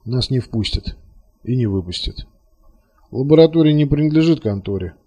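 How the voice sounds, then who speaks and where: A man voicing a gruff, frightened middle-aged male colonel who mutters sullenly. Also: medium pitch, lively intonation, normal speed, mellow, muffled recording.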